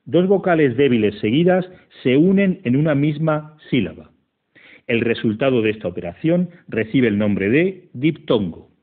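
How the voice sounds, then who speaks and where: A man's voice: medium pitch, breathy edge. Man narrating a phone-thin grammar lesson. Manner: slow, methodical, counting syllables aloud. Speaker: teacher. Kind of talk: scripted educational narration. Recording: tinny phone-like audio.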